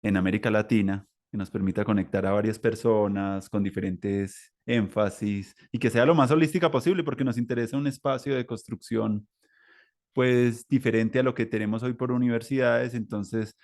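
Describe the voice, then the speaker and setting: A podcast host with a low-ish, darkish voice runs a conversational interview, talking in a rambling manner packed with fillers and restarts.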